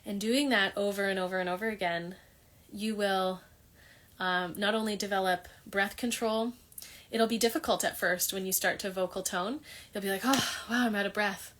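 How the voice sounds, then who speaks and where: A woman's voice: medium pitch, fairly even intonation, normal speed, fairly bright tone. A woman hosting a holistic wellness talk, speaking casually and rambling with many restarts as she chats to her viewers. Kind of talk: casual monologue on yoga.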